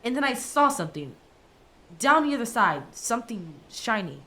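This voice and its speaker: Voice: mid-range voice, very animated, normal speed, bright, forceful tone. A performer playing an eager, reckless young boy in a family drama. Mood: chatty. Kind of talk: acted family film dialogue.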